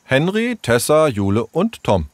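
A man's voice: mid-range voice, big pitch swings, unhurried, no room sound, clean studio sound, pitched above the performer's own voice. A man doing an eager young boy. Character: cheerful boy in a wheelchair.

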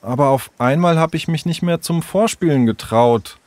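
A man's voice: on the high side, moderate pace, a little mellow, no echo, voice pushed up, lightly acted. A man voicing a hurt, shy young boy who mumbles hesitantly and sounds dejected.

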